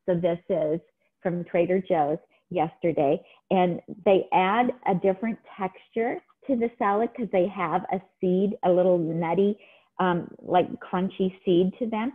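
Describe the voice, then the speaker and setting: A middle-aged woman chatting enthusiastically while demonstrating a salad in her home kitchen over a video call. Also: lowish voice. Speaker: cooking demonstrator. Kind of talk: casual cooking demo. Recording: tinny phone-like video call audio.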